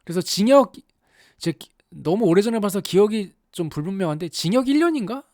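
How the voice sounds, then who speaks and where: A solo commentator chats through an anime plot in a loose, talky way, with a voice that swings up and down a lot. The delivery is animated and exaggerated, full of rhetorical questions put to the listeners. It is recorded close up in a dry room with almost no echo. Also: mid-range voice, fairly quick.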